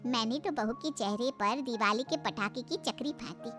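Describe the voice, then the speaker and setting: A woman's voice: a little high, moderate pace, over music, natural voice. A woman voicing a scheming, gossipy older female friend in a cartoon, with a sly manner. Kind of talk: cartoon voice acting.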